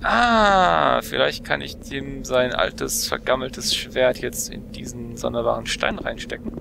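A young man doing casual let's play commentary. His medium-pitched voice has a noticeable creak. He thinks aloud, with game noise clearly behind him. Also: a little slow. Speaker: let's player.

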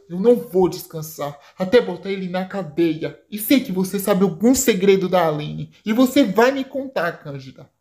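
A woman's voice: fairly low pitch, mellow, lightly acted. A woman with a Brazilian accent voicing a scheming, menacing young man in a soap plot retelling.

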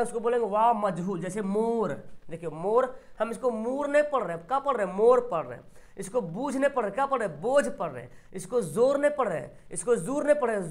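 A teacher giving an exam-prep grammar lesson, who keeps asking short quiz questions, answers them, and stretches out example words slowly. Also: medium pitch.

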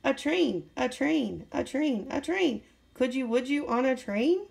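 A woman's voice: sits high, expressive, unhurried, gravelly, a little mellow, voice pushed up, exaggerated voice. Woman voicing an eager, pestering little storybook creature. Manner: coaxing, repeated questions. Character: persistent, eager little male storybook creature offering food.

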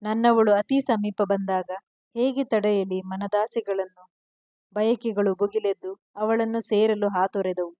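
A woman storyteller narrating a romance story in a soft, intimate reading. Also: medium pitch, steady tone, measured pace, no room sound.

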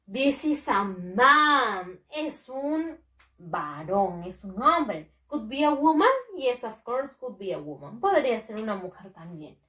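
High-voiced, slow-speaking woman teaching children. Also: a bit bright, roomy sound, poor audio. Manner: slow drilled pronunciation, repeating each word in Spanish; praises often, voices pupil answers herself. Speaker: English teacher. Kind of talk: bilingual lesson for young children.

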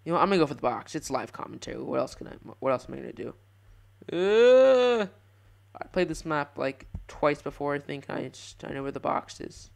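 Young guy rambling through a game commentary, kinda high smooth voice, trips over his words. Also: a little fast. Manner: rambling, self-correcting, excitable. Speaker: gaming channel host. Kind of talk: live gameplay commentary.

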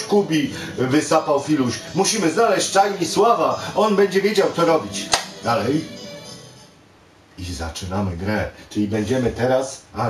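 Dad reading game text aloud, roomy. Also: male voice, mid-range voice. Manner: reads aloud with stumbles and self-corrections, animated on quoted lines. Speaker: father playing a video game with his son. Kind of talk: reading game story aloud and coaching gameplay. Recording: roomy, distant mic, game music behind. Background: video game music.

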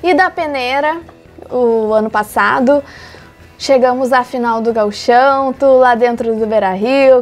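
A woman interviewer asks friendly, conversational questions in a slightly high voice. Faint music sits under her speech. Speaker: interviewer, club channel host.

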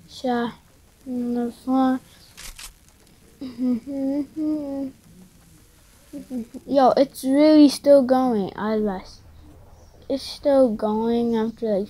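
A woman giving casual, rambling commentary over her gameplay, her voice stuffy and congested from a cold. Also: on the high side. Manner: chatty, excitable, rambling slang. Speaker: gaming video creator.

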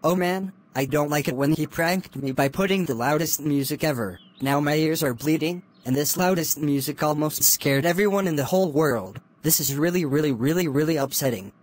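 A man's voice: fairly high pitch, normal speed, hardly any pauses, lightly acted. A synthetic male text-to-speech voice playing an annoyed female cartoon cat.

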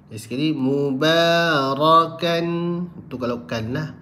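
A man with a Malaysian accent teaching Quran letter pronunciation, drawing out model words slowly and then murmuring quick, quieter corrections. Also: medium pitch, expressive. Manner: addresses listeners as tuan-puan. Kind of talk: slow, patient recitation lesson.

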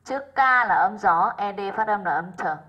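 A woman's voice: medium pitch, expressive, moderate pace, husky, muffled recording. A woman English teacher going over exercise answers with her pupils, often checking in with rhetorical questions.

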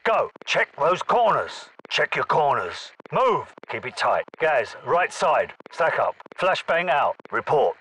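Gruff brit army captain in a shooter game, bossy, sardonic, clipped orders, pitch jumps around a lot. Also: male voice, fairly bright tone, poor audio. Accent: British. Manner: curt, commanding, sardonic. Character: gruff, sardonic British special forces captain. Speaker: military commander. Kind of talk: video game voice lines, barked military orders and briefings.

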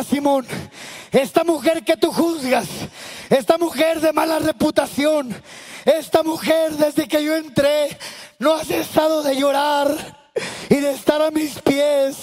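A preacher voicing a solemn reproaching teacher. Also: male voice, very high-pitched, darkish tone. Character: Jesus as a reproaching teacher at a dinner. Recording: echoey church hall.

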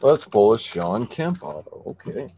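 This is casual card-opening chat from a man whose medium-pitched voice has a breathy edge and runs a little slow. Hosting the break, he reads player names aloud as packs come open, fumbles some of them, and yells whenever excitement hits.

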